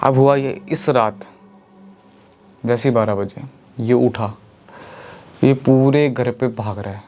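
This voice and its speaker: A man's voice: medium pitch, steady tone, slow pace, a little mellow, faint music behind. A man telling a horror story in a casual, chatty way, speaking to his listeners as friends. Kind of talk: casual spoken horror narration.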